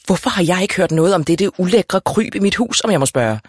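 A man voicing a frantic, heavily pregnant mother in labor, shrill and breathless, in a storybook reading. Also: breathy edge, no room sound, clean studio sound. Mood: alarmed, scolding.

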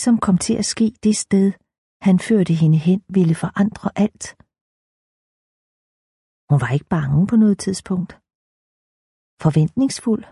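Woman audiobook narrator, even and measured, husky voice in a dry, close recording. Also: fairly low pitch, dry recording.

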